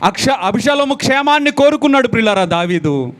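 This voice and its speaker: Male pastor, high voice, very animated pitch, dramatic sermon, repeats lines for emphasis. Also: brisk. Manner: dramatic preaching, swinging from loud exclamations to low quiet lines.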